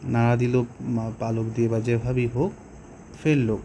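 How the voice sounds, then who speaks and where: A man with a Bengali accent explaining a poem to students, slowly and patiently, with pauses and rhetorical questions. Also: mid-range voice, level tone, dark tone, slight background noise. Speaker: teacher. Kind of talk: poetry lesson explanation.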